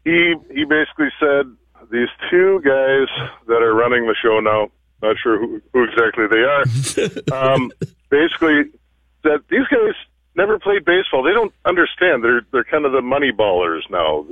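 A man calling in to a sports radio show, speaking in a measured way with frequent restarts. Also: medium pitch, very animated, no echo. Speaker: caller. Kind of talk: call-in radio chat. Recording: tinny phone line.

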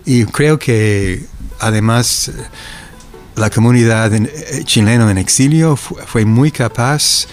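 An older American man, a native English speaker with an American accent, answers interview questions as an academic eyewitness, speaking in a mid-range voice. He's reflective and halting, often repeating syllables while searching for words, with soft music in the background.

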